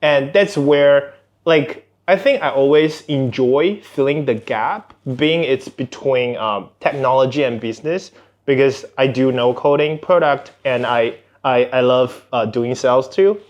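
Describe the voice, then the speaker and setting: A mid-range, unhurried male voice belongs to a tech executive being interviewed on a podcast. Casual in manner, he tends to restart his phrases; he was born outside Singapore and has a Chinese cultural background.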